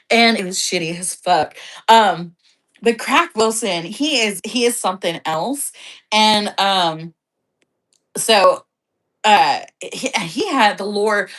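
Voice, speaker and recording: A woman's voice: medium pitch, a bit bright. A woman hosting a casual live stream, gossiping in a chatty, rambling way with plenty of swearing. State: hiccups. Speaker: streamer host.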